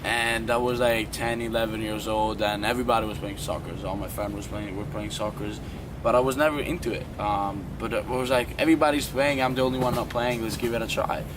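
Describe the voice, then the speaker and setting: A man's voice: fairly low pitch, fairly even intonation. A young man from Italy, telling his story as an interview guest, often restarting his sentences. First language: Italian. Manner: halting, with many restarts and fillers. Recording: distant outdoor mic with traffic noise.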